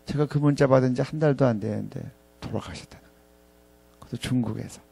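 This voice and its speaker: A professor in his fifties preaches a reflective sermon with scripture readings at a ministry staff chapel. His mellow, creaky voice sits at an average pitch, and he speaks haltingly, pausing often and circling back to repeat phrases.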